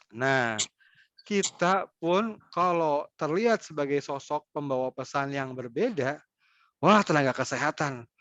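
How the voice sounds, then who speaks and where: A man giving an online lecture in a conversational way, acting out quick examples of what people might say. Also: a little high, fairly bright tone, no room sound, highs cut off.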